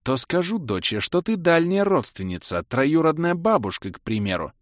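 A man voicing a brash, hot-tempered young father who talks loudly and excitedly. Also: fairly high pitch, normal speed, no echo, studio quality, voice pushed up. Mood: blustering. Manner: loud, blustering, excited.

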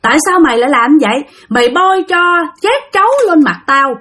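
A woman voicing a furious older father who shouts and curses. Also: animated, fairly quick. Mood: enraged. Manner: yelling, accusing, high and strained.

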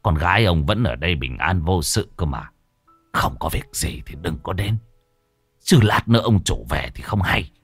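A gruff gatekeeping servant, as a male narrator plays him turns people away in a low, curt voice. His warnings come clipped and hard. Dry, close storytelling with faint music behind. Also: lively intonation, normal speed, fairly bright tone, no echo, full character voice. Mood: stern. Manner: curt, threatening. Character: stern male servant guarding a gate, gruff.

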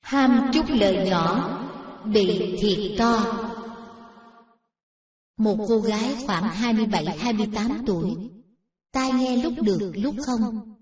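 A woman narrating a Buddhist teaching story in a measured, plain storytelling manner. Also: mid-range voice, a little mellow. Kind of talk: read Buddhist dharma story. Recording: roomy echo, distant from mic.

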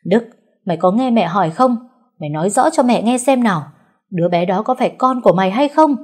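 A woman voicing a furious, cruel older mother-in-law who hurls insults in a raised, shrill voice. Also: expressive, a little fast, lightly acted.

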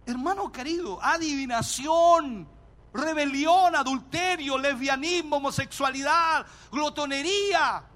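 A man preaching as a pastor in an emphatic sermon, often shouting and acting out little scenes. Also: very high voice, measured pace.

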